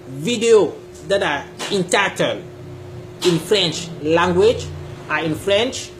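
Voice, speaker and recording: A high-voiced man delivers a slow, emphatic spirituality talk to the camera while sitting on a sofa in a small indoor room. The YouTube creator, a native Bassa speaker, is deliberate and gestures often, and a little hiss or hum runs under the recording.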